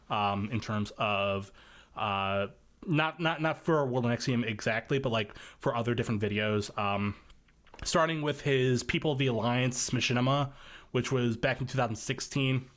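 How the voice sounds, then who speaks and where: A man's voice: mid-range voice, moderate pace, a bit bright. Guy guesting on a podcast, lots of ums and restarts, regular mid voice. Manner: hesitant, many fillers and restarts. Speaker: podcast guest, video editor and voice actor. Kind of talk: casual chat.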